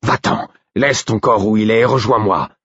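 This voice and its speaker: A man's voice: fairly low pitch, sing-song, moderate pace, fairly bright tone, slightly rough, no room sound, muffled recording, voice pushed up, full character voice. A man voicing a fierce, loyal male wolf companion, pleading urgently in a storybook reading. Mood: desperate.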